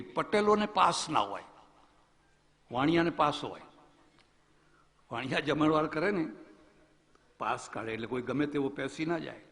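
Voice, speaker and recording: A man's voice: on the high side, gravelly, fairly bright tone, long reverb tail. A man, a swami, giving a religious discourse as a storytelling preacher who asks rhetorical questions.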